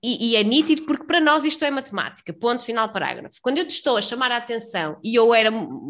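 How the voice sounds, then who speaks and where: High-voiced woman. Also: a bit bright. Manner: talkative, informal, slangy, emphatic. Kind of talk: casual chat.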